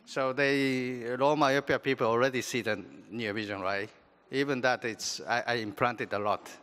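A man at a conference podium answering panel questions, halting and repeating words. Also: mid-range voice, fairly even intonation, a bit bright. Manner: halting, repeats words, non-native phrasing. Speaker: surgeon presenting at a symposium. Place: large conference hall stage at a podium. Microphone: podium microphone.

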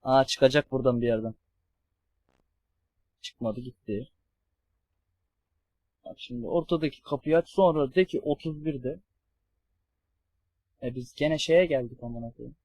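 A young man streaming a horror game, swearing and yelling at the enemies on screen. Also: mid-range voice, measured pace, long pauses, dry recording. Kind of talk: let's play commentary.

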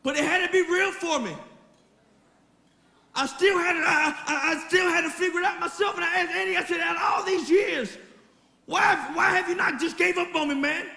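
Shouting man giving a testimony in an echoey hall. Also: extremely high pitch, fairly even intonation, moderate pace, creaky. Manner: impassioned, shouting, repetitive preaching cadence. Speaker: testimony speaker. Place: large church hall.

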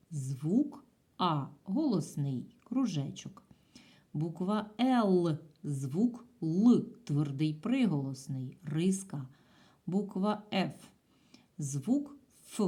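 A woman teaching a primary school lesson by video, patient and clear in a sing-song teacher's way. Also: fairly low pitch, a little mellow. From Ukraine. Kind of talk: video lesson for young pupils.

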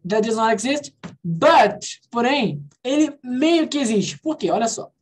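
A woman's voice: fairly high pitch, expressive, measured pace, slight background noise. A Brazilian woman teaching an online English class, switching between Portuguese and English and checking understanding with frequent "alright?" and "ok?".

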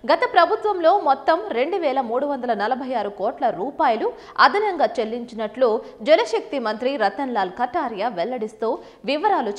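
A woman in her thirties, a news anchor, reading scripted political news in a brisk, dramatic way. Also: high voice, in a large hall. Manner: standing presenter, brisk dramatic delivery. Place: virtual news studio set.

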